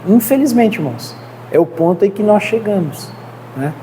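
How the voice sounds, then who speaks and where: Speaking at a normal pace with an animated, warm, medium-pitched voice, a woman with a Brazilian accent lectures a church theology class. Her tone is earnest and exhorting, and she often addresses the group as brothers. The sound is reverberant, like a hall, with a little faint noise.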